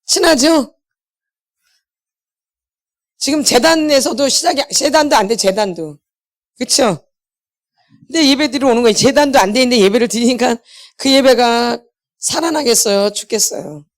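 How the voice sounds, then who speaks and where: A woman's voice: on the high side, normal speed. A middle-aged woman preaching to her congregation. She keeps asking them questions and answers them herself. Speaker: pastor's wife leading a healing meeting. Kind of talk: sermon.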